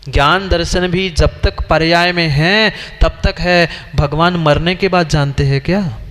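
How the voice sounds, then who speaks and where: A man's voice: high voice, fairly bright tone. A man, a Jain monk, giving a sermon who questions and scolds his listeners as he teaches. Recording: long hall reverb.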